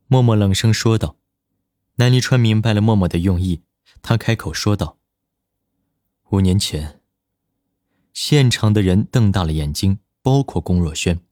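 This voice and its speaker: Low-voiced man narrating an audiobook. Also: normal speed, darkish tone, no room sound, studio quality.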